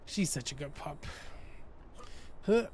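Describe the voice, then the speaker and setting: A man's voice: fairly high pitch, animated, slow, a little mellow, slight background noise. A man hosting a gaming channel, chatting casually with teammates as he plays, laughing often and restarting his sentences. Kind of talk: casual let's-play chat with teammates.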